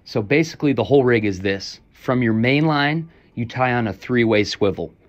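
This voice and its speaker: A young man giving a relaxed, instructional voice-over about a fishing rig for his fishing vlog. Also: mid-range voice, moderate pace, lo-fi sound.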